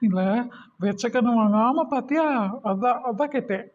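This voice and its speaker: A woman's voice: a little high, normal speed, darkish tone, natural voice. A woman voicing a grown-up woman in a cartoon family who scolds and teases a small girl in mock exasperation. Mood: teasing. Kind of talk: cartoon voice acting. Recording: muffled lo-fi.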